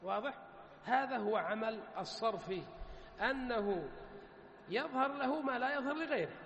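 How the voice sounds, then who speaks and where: High-voiced man teaching in echoey hall. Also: lively intonation, fairly bright tone, slight background noise. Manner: drills words slowly, asks and answers himself. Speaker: Arabic grammar teacher. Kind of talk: classroom lecture on morphology.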